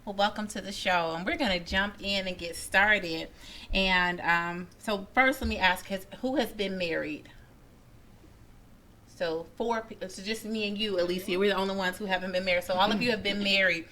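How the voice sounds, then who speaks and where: A woman's voice: medium pitch, steady tone, moderate pace, sharp tone, a little hiss or hum. A woman who works as a matchmaker and dating coach, hosting a radio talk show in an upbeat, chatty way with many fillers.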